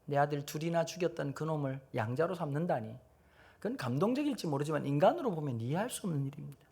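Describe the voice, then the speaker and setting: Preaching to a teachers' seminar, this middle-aged Gyeongsang-accented Korean pastor mixes blunt humor with acted-out quotes. He speaks at a quick pace in a fairly high, expressive voice that's husky and darkish in tone.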